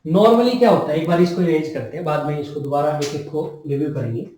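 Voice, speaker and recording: A man's voice: a little high, fairly quick, mellow. A man teaching nursing students in a lecture, repeating key terms and asking and answering his own questions. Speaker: nursing tutor. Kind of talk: classroom lecture. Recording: echoey room, distant mic.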